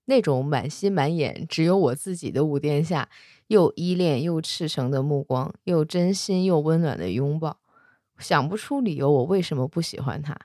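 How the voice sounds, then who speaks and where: A woman voicing a calm, serious ancient male immortal lord in a story retelling, quiet and earnest. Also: low-pitched, moderate pace, dry recording, studio quality.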